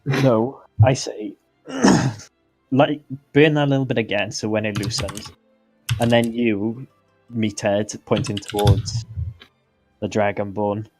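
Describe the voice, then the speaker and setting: A man with a low voice plays a tabletop game and tells the other players bluntly what to do. Keys click and faint music plays behind him. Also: fairly even intonation, slow pace, pauses often, darkish tone, rough recording. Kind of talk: casual tabletop play.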